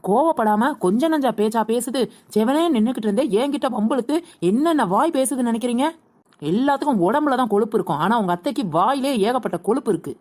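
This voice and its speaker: A woman voicing a quick-tempered young female shopper in a comedic cartoon, firing back indignant retorts. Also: on the high side, a little mellow, lightly acted. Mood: angry. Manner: indignant, rapid-fire retorts.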